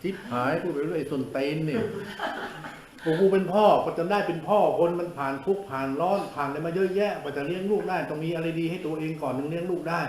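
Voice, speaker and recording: A man's voice: a little high, fast talker, darkish tone, echoey room, poor audio. An older man, a monk giving a blunt, informal sermon, coarse and scolding, who laughs at his own jokes.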